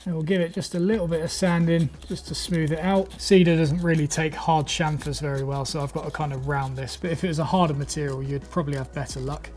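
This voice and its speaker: A man's voice: a little high, steady tone, fast, few pauses, darkish tone. A young man, teaching woodworking in a workshop, chatty and upbeat as he explains each step. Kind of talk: instructional talk.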